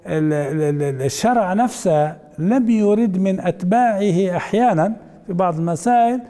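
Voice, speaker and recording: A man's voice: high voice, dark tone, long reverb tail. A man teaching a hadith commentary, reading the text aloud, then explaining it in colloquial asides and putting questions to his class.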